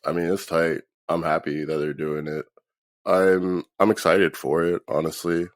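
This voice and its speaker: Male podcast guest, hungover and laid-back, very low voice with heavy fry, casual swearing, close dry sound. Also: flat delivery, measured pace, no room sound. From Philadelphia. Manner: laid-back, profane, slangy. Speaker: interview guest, band musician. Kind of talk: casual chat.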